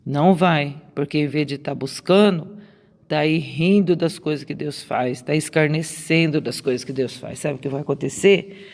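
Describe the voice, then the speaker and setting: A woman's voice: deep voice, normal speed, gravelly, darkish tone. A Brazilian woman preaching a sermon, repeating her points with emphasis and asking rhetorical questions. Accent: Brazilian Portuguese. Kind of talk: sermon on a Bible story. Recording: long reverb.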